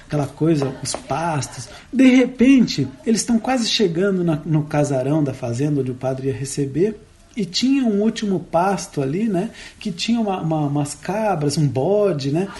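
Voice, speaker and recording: Relaxed rambling man telling a folk tale. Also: on the high side, normal speed. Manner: relaxed, rambling, many tag questions. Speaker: guest storyteller and guitarist. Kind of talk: folk tale told in casual chat.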